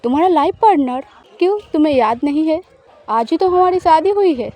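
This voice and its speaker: In an audio story, a woman voices a smug, possessive young spouse who teases and coaxes with a smile in her words. Her high voice is mellow and soft, expressive and fairly quick.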